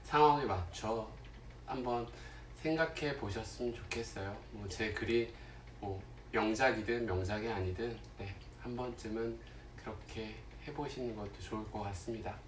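A man chatting casually to viewers as a livestream host, haltingly, with long pauses and murmured asides. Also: on the low side, slight background noise. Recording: roomy echo, distant mic, faint music.

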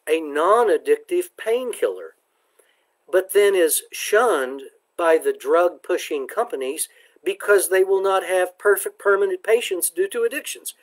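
A man presenting a book discussion, summarizing and reading passages aloud in a slow, measured way. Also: high-pitched. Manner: slow, deliberate, measured delivery.

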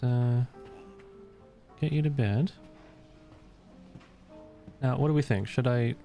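A man's voice: medium pitch, warm tone. A man hosting a let's play who keeps up a stream of playful, joking remarks. His voice sits in a middle register, and faint game music plays underneath. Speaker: gaming channel host.

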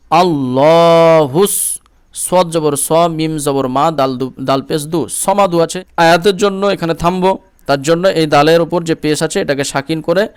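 A man from India teaching Quran reading, spelling each letter and vowel step by step and chanting the verses slowly between explanations. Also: on the high side, smooth. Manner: slow drawn-out chanted recitation between explanations; asks "ঠিক আছে?" to check understanding. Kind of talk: Quran recitation lesson.

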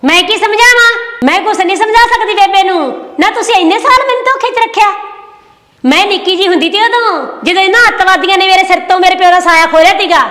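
An actress playing a bitter, defiant young wife. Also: female voice, very high-pitched, fast talker, sharp tone. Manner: bitter, resolute. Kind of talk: village family drama acting. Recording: echoey room with long reverb.

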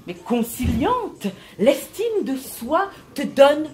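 In a full character voice, high-pitched and very animated yet unhurried, a female stand-up performer preaches as an overblown self-esteem coach. She leads mock-solemn call-and-response and slips in English jargon while faint music plays behind. Her words ring with a big cathedral-like echo, captured by a far-off mic in an echoey room at a large resonant venue.

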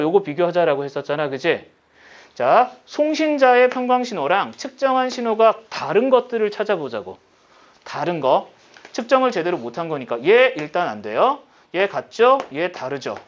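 A man teaches a recorded lesson in a fairly high, lively voice that swings up and down. He keeps checking in with quick questions as he works through a problem step by step. The recording sounds dull and lo-fi. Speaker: high school Korean teacher.

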